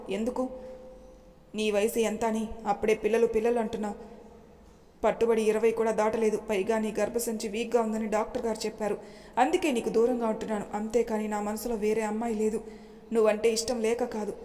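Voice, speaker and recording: A woman voicing a calm, caring young husband who talks earnestly and reassures his wife. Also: a little high, fairly quick, natural voice. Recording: long hall reverb.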